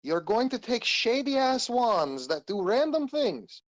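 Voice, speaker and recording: Man, tabletop player in character, wavering fake Russian accent, animated pitch, argumentative. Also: slow. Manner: argumentative, with a put-on Russian accent that comes and goes. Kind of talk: in-character tabletop role-play.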